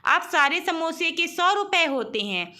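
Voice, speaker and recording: Woman putting on a samosa seller guy, brisk and pushy, still kinda bright. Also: very high-pitched, sing-song, full character voice. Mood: insistent. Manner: brisk, insistent. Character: grown man, street samosa seller, pushy.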